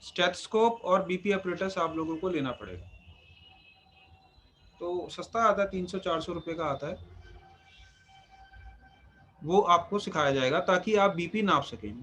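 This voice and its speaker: A man's voice: on the high side, fairly bright tone, a little hiss or hum. A man teaching an acupuncture class, instructive and repeating phrases for emphasis. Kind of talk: live class lecture.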